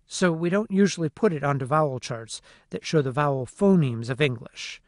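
A man narrating a phonetics lesson in a clear, methodical way. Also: fairly high pitch, normal speed, dry recording, studio quality. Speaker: phonetics instructor. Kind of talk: scripted lecture narration.

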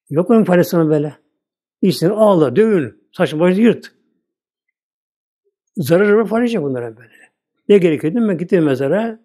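A man's voice: a little high, mellow. An older man giving a plain, conversational religious sermon, repeating his words often. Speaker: Islamic preacher.

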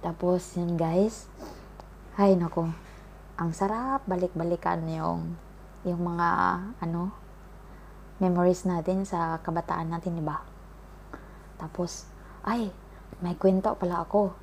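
A woman's voice: lowish voice, fairly even intonation, slow pace, pauses often, a little mellow, a little hiss or hum. A woman telling a childhood story to her viewers in a casual vlog, talking chattily with lots of fillers and often calling them guys. She is recording outdoors by the seaside. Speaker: vlogger.

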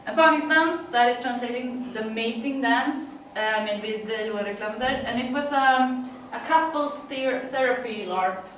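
A fairly high, fairly bright female voice runs at normal speed with hardly any pauses, over slight background noise. A middle-aged woman from Sweden with a Swedish accent, she's giving a chatty presentation in English at a conference, full of laughs and fillers. A far room mic in a dim conference room makes it sound echoey and distant.

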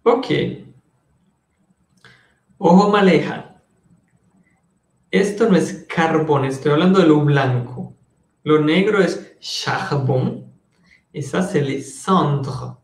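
Slow, patient male French teacher. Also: a little high, echoey room. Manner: slow, patient, repeats words to drill pronunciation; switches between Spanish and French, addresses students by name. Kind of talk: online language class, explaining French to Spanish speakers.

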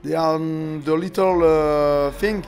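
A man's voice: on the high side, steady tone, slow, a little mellow. A man with a French accent, a coach in an interview, speaking hesitant, broken English as he searches for words. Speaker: coach translating for fighter. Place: indoor event backdrop interview area. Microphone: shared handheld interview microphone. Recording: noisy event room ambience.

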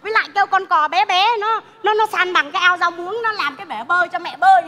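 A woman's voice: very high-pitched, fast, bright, forceful tone. A woman performing a scolding, mocking mother in a live stage comedy sketch. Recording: stage mic with hall reverb and audience.

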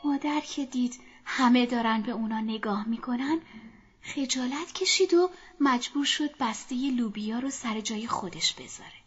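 A woman narrating a children's story in a soft, often half-whispered voice, speaking to children, in a dull lo-fi recording. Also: a little high, slightly rough, faint music behind.

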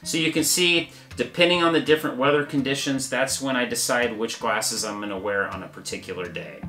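A man's voice: medium pitch, brisk, reverberant, over music. A man hosting a fishing channel, explaining gear in a plain, practical, step-by-step way. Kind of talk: gear review talk to camera.

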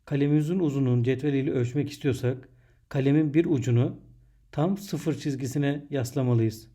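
Very dark-voiced man, measured dictating teacher. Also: mid-range voice. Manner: measured, dictating in short separated phrases. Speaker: primary school teacher. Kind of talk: scripted lesson narration for young pupils.

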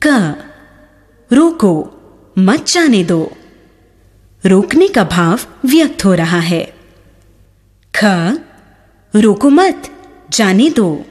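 A woman reading a school grammar lesson for children in a slow, deliberate, dictation-like way. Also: medium pitch, slightly rough. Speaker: teacher. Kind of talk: slow scripted lesson narration.

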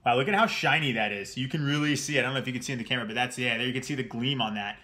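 A man's voice: medium pitch, rapid-fire, sharp tone. A young man from New Jersey in a small room at home, giving a rambling, enthusiastic casual review of a fragrance straight to camera. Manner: enthusiastic, rambling, repeats words.

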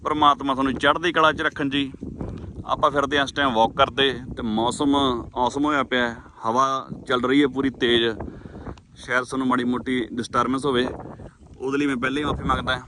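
A man's voice: medium pitch, little pitch movement, brisk, pushed and bright. A young man with a Punjabi accent, chatting casually to viewers as he walks through his village fields, recorded outdoors in the wind on a handheld phone. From Punjab, India. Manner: chatty, addresses viewers as friends. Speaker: village vlogger. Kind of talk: casual vlog narration while walking.

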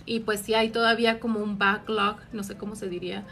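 With soft music behind her, a Mexican woman working as a tax advisor fields viewer questions on a live stream from a small office, recorded by a phone camera at arm's length. Her voice is medium-pitched, bright and forceful with vocal fry, a little fast and with little pitch movement. She's friendly and explanatory, leaning on many filler words.

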